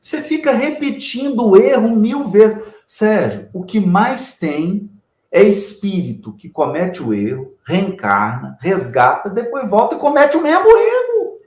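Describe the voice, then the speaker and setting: A man, a guest giving a didactic spiritual talk with animated explanations. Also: high-pitched, measured pace, echoey room. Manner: animated explaining, addresses the host by name. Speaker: guest speaker.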